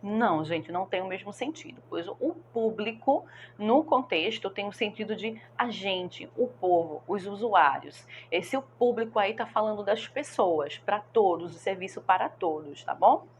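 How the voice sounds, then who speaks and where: A woman's voice: mid-range voice, animated, normal speed, slight background noise. A woman teacher patiently explaining a grammar lesson to her students, often checking that they follow.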